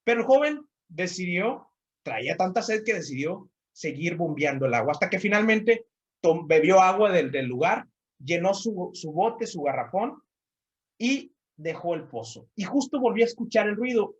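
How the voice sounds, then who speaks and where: A man's voice: high-pitched, very animated, normal speed, muffled recording. A man, a motivational trainer, telling a story with many repeated phrases and speaking directly to the listener.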